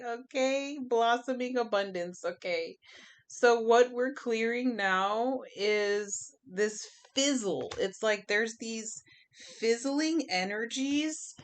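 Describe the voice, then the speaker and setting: A woman giving a chatty pick-a-pile tarot reading, emphatic and fond of repeating her phrases. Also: fairly high pitch. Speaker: tarot reader.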